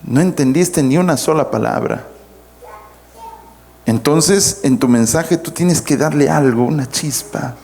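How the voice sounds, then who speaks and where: A man's voice: fairly high pitch, measured pace, creaky, a little mellow. A man with a Peruvian Spanish accent preaching a sermon to a congregation, emphatic and swinging his voice up and down as he calls out to the room. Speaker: pastor teaching preaching. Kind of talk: sermon teaching.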